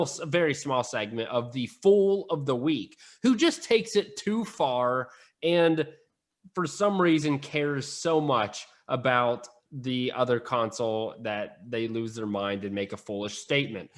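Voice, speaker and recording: A young man co-hosting a gaming podcast, excitable and teasing in casual banter. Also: medium pitch. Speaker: podcast co-host.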